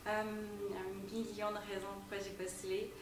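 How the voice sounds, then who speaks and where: A woman's voice: medium pitch, flat delivery, unhurried. A woman from Canada answering interview questions casually, with many fillers. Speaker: volunteer. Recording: echoey room, far from mic, noisy.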